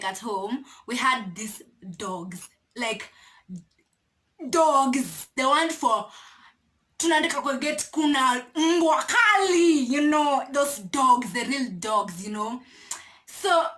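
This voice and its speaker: A young Kenyan woman telling a casual storytime to her camera, animated and laughing, dropping Swahili slang into her English. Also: fairly high pitch, takes it slowly. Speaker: vlogger.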